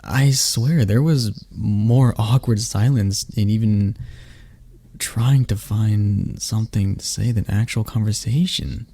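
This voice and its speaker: A young ASMR performer with a fairly low, breathy voice speaks slowly in a scripted friend roleplay. It is a one-sided conversation: he chats animatedly with someone who is never heard, recorded without echo.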